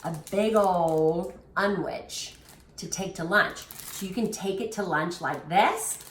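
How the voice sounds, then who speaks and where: A woman talks viewers through a recipe in a chatty, encouraging way while she works with her hands. She is recorded in a roomy kitchen, a little far from the mic. Faint noise sits behind her voice, with paper crinkling and clicks. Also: medium pitch. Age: adult. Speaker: dietitian demonstrating a recipe. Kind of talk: casual cooking demonstration.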